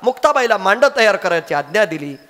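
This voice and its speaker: A man's voice: sits high, big pitch swings, fast talker, a bit bright. A male devotional preacher telling a saint's story with strong emotion and drama. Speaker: kirtan preacher. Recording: echoey hall with faint music.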